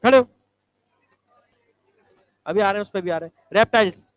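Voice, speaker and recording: High-voiced male teacher quizzing a class. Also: dry recording. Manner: brisk, commanding, calls students to stand and recite.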